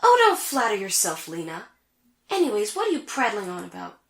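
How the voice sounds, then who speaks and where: Roomy home recording, high and very animated: vain young sorceress rival, boastful, theatrical anime comedy. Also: female voice, fairly quick, creaky. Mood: indignant, flustered. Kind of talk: comedic anime fan audio drama acting.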